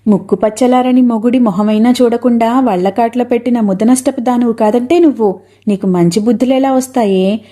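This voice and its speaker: A woman's voice: on the high side, fairly quick, dark tone, close to an everyday voice. A woman narrator voicing a sly, gossiping older village woman who mocks and needles. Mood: mocking. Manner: mocking, needling.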